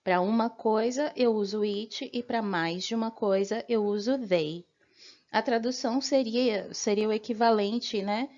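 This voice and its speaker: Brazilian woman, language teacher, slightly high voice, patient and slow, on a muffled lo-fi recording. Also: a little mellow. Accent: Brazilian Portuguese. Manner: patient, explanatory, checks in with "ok?" often. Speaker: English teacher. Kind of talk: beginner language lesson.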